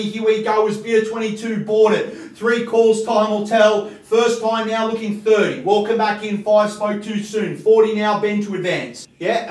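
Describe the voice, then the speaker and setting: A young Australian man running a live online property auction with fast, energetic patter that rises as he calls the bids. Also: high-pitched. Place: studio room in front of a large video-call screen. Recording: roomy, distant studio sound.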